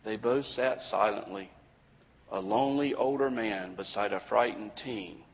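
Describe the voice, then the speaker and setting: A male preacher telling a sermon story in a measured way, with dramatic pauses. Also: lowish voice. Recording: dull lo-fi recording with long hall reverb.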